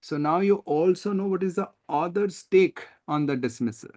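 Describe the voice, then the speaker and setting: A man's voice: high voice, moderate pace. A man with an Indian English accent tutoring an online class over a video call, often checking whether students follow. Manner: lively, questioning, checks understanding often. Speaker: test prep tutor.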